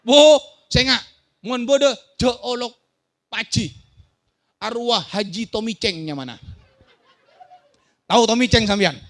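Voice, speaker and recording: At an outdoor religious gathering in a village, a man preaches a sermon in an extremely high voice, speaking a little slowly and pausing often. He swings between shouted warnings and quiet asides, frequently questioning and joking with the crowd.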